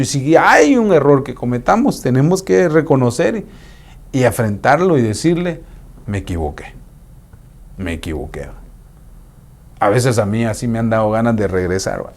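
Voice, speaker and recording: Predicador, acento centroamericano, voz algo aguda y muy expresiva, actúa las escenas. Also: male voice, a little high. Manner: animated, acts out scenes in voices. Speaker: preacher. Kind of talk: sermon.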